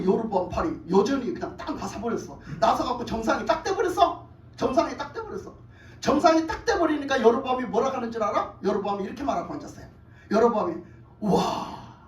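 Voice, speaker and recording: A woman's voice: fairly high pitch, lively intonation, quick pace, echoey room, far from the mic, a little hiss or hum, low-quality recording. A woman preacher telling a Bible story in a colloquial sermon, often asking the congregation questions. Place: church hall.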